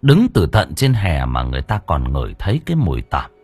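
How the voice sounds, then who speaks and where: A man narrating an audiobook story in a lively, expressive way. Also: extremely low pitch, brisk, breathy edge, dry recording.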